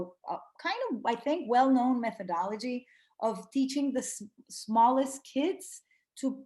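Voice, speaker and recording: A woman from Venezuela, a music educator, speaking earnestly at a panel talk with frequent fillers. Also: on the high side. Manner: earnest, animated, many "you know" fillers.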